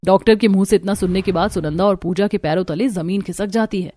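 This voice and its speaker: A woman giving scripted story narration in a steady, even storytelling voice. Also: medium pitch, fast.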